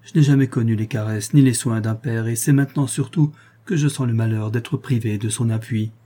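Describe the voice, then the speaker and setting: A man's voice: mid-range voice, fairly even intonation, a little fast, mellow, lightly acted. A man voicing a frightened young orphan woman who pleads tearfully. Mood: sorrowful.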